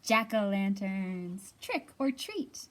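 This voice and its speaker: Reading aloud at a children's storytime, this woman librarian is lively and sing-song, breaking off to quiz the little ones listening. Her pitch is medium.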